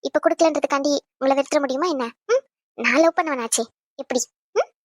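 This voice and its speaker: A young woman plays an affectionate young wife in an audio drama, her voice bright and high. She chats along and fusses tenderly over her husband. The recording is close and dry. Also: fairly quick, no echo, lightly acted. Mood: tender, reassuring. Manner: chatty, fussing, tender. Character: caring young pregnant wife, chatty and affectionate. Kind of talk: Tamil audio drama acting.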